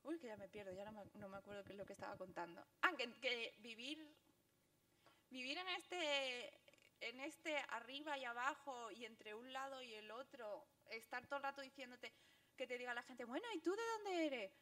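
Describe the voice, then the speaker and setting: A young woman with an Andalusian accent, giving a fast, animated talk with lots of laughter at a book presentation. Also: a little high. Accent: Andalusian Spanish. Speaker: guest speaker, graphic novelist.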